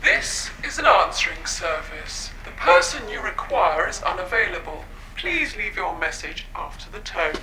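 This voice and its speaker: An actress voicing a woman's answering machine greeting, played back from a device in a formal, flat announcement manner. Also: lowish voice, normal speed, long pauses, poor audio. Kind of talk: British TV drama acting.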